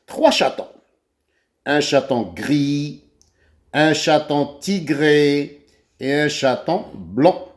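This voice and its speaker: A man's voice: a little high, very slow, pauses often. A man with an Algerian French accent teaching a children's reading lesson, spelling out syllables letter by letter. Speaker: primary school teacher.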